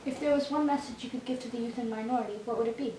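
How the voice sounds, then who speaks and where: A woman's voice: fairly high pitch, steady tone, rapid-fire. Young girl asking interview questions, a bit unsure, echoey room, faint hiss. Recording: roomy echo, distant mic, faint noise.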